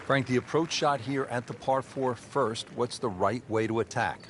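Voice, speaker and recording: A man doing play-by-play golf commentary for a video game in a smooth, measured broadcast manner. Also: medium pitch. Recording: game audio with music and crowd behind. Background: music and crowd noise.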